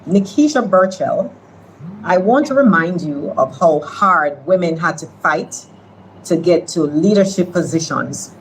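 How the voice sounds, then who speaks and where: A woman delivers a parliamentary speech in a slow, deliberate, lecturing tone. Her voice sits low for a woman, and faint background noise runs under it. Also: expressive, low-quality recording.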